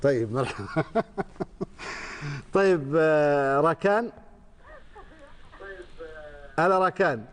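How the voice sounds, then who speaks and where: A man's voice: fairly high pitch, expressive, slow pace, pauses often. A man hosting a talk show, taking callers and joking easily. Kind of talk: casual on-air chat.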